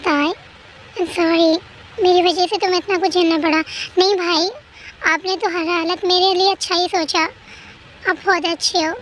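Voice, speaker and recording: A storyteller with a very high voice performs every part of a dramatic fan story, pleading and emotional in the dialogue. A faint hiss sits under the recording. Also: flat delivery, moderate pace, pauses often, fairly bright tone. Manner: acts out each character's dialogue with pleading emotion. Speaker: storyteller voicing every character. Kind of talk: dramatic fan-fiction reading.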